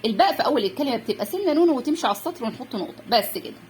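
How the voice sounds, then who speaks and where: Egyptian woman teacher, lively voice. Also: on the high side, slight background noise. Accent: Egyptian Arabic. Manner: clear, drawn-out letter sounds with frequent check-ins. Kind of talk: Arabic alphabet lesson for parents.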